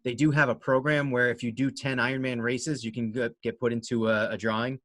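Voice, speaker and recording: A man talks casually as an interview guest, at a middling pitch. He rambles along in a conversational way and is modest and self-deprecating about himself. The sound is dry, with little room in it. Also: little pitch movement, a little fast, a bit bright, no room sound. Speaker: interview guest, amateur runner and race organizer.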